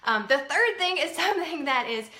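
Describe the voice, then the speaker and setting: Bright-voiced chatty woman in her thirties. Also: high-pitched, expressive, normal speed, roomy sound. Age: 30s. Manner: chatty, upbeat, many fillers. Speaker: vlogger. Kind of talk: casual chat to camera. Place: at home indoors.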